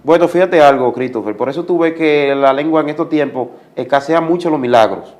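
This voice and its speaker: A man's voice: a little high, brisk, darkish tone. A man giving a religious testimony as a guest, speaking like a preacher and repeating commands for emphasis.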